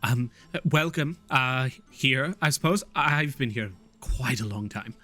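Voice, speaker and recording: A man voicing an excitable little halfling man at a carnival who stammers and gushes. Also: mid-range voice, slow pace, faint music behind. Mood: rambling. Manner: stammering, gushing, eager.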